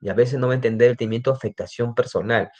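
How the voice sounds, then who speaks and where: A man's voice: medium pitch, steady tone, fast talker, a little mellow. A man with a Peruvian Spanish accent, a forensic psychologist giving a lecture, explaining step by step and often adding "¿no?" tags and restarting his sentences. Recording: slightly dull lo-fi recording.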